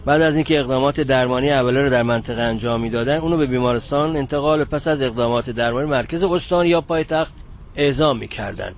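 A man's voice: mid-range voice, slight background noise. An older man, a former wartime nurse, giving plain explanatory answers in an interview.

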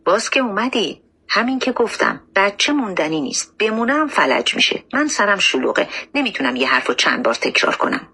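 A woman's voice: mid-range voice, sing-song, pushed and bright, husky, voice pushed up, heavily acted. A woman narrator voicing a brusque, impatient male doctor who waves off a patient's mother. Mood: dismissive. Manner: curt, dismissive, impatient. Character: brusque, busy middle-aged male doctor.

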